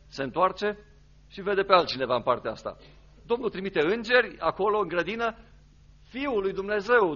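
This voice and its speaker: A man preaching a sermon, dramatic, rising to loud emphasis and dropping to hushed, low passages. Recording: dull lo-fi recording.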